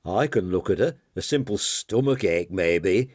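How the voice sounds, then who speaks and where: A man's voice: low voice, animated, unhurried, a little mellow, no echo, clean studio sound. A man reading an audiobook, voicing a meek, anxious older man. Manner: meek and tentative.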